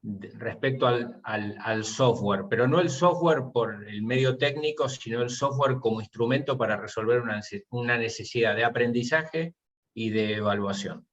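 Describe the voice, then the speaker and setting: A man's voice: mid-range voice, moderate pace, fairly bright tone. A man, a university teacher, explaining his course methods in an online seminar and posing rhetorical questions. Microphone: video call. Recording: muffled video call audio.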